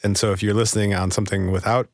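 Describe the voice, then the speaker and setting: A man's voice: lowish voice, level tone, very fast, dry recording, clean studio sound. A man co-hosting a podcast, casually explaining things and teasing his co-host. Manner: explanatory, plays audio clips, teasing.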